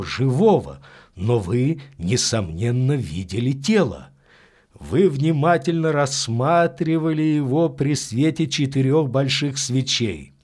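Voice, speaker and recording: A man's voice: medium pitch, a little mellow. A man doing an earnest, lecturing priest. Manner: earnest, explanatory, matter-of-fact. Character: calm, insightful middle-aged priest.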